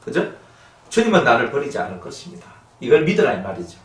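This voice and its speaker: A male pastor with a Gyeongsang accent delivers a sermon with a folksy, teasing delivery. His pitch swings widely, and he sounds set back from the mic in a roomy, echoing space. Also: sing-song, fast talker. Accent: Gyeongsang Korean. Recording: echoey room, distant mic.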